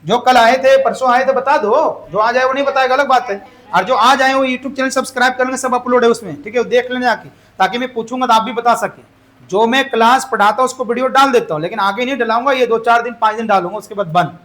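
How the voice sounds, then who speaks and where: A man teaches English grammar to a classroom. His voice sits very high for a man. He keeps throwing questions at the students and has them repeat the answers aloud. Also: quick pace, fairly bright tone, a little hiss or hum. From Jharkhand, India.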